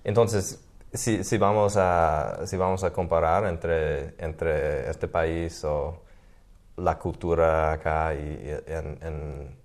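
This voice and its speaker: A man's voice: extremely low pitch, fairly even intonation. A man from Maine, chatting hesitantly in a casual conversation, restarting his words often. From Maine, USA. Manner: hesitant, halting with many restarts. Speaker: conversation partner. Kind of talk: casual chat in Spanish.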